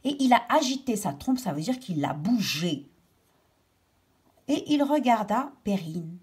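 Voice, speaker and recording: A woman's voice: medium pitch, sing-song, measured pace, darkish tone, slightly rough. A woman teacher reading a children's story aloud and patiently explaining its words to young pupils.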